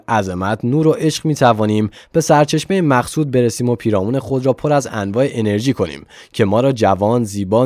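A man narrating an audiobook in a measured, calm reading. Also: mid-range voice, dry recording, studio quality. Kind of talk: scripted narration.

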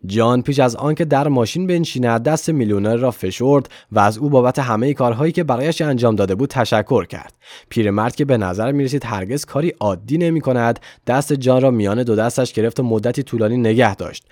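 A man narrating an audiobook in a measured, calm reading. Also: medium pitch, no echo, clean studio sound. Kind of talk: scripted narration.

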